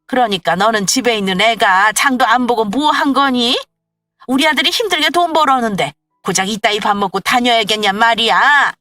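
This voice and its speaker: A woman voicing a haughty older mother-in-law who scolds and shouts accusations in a storytelling radio drama. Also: on the high side, moderate pace, dry recording. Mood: scolding. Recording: dry, slightly distant voice with faint music.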